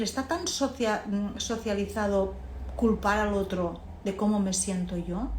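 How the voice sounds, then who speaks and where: A woman's voice: mid-range voice, a little mellow. A woman speaker, giving an earnest, reflective motivational talk and repeating phrases for emphasis. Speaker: personal growth speaker. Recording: echoey room.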